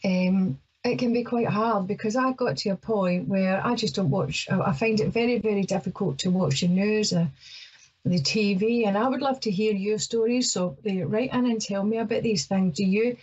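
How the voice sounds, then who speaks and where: Here a middle-aged woman from Ayrshire, Scotland, talks at normal speed and medium pitch while presenting a psychic radio show. Her voice is a little mellow and slightly rough, her casual monologue nervous and filler-heavy, and the sound is lo-fi.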